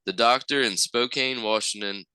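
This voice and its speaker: A man's voice: mid-range voice, moderate pace, sharp tone, smooth, no echo, rough recording. A man co-hosting a podcast, reading news articles aloud steadily and sometimes stumbling over long terms. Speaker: podcast co-host.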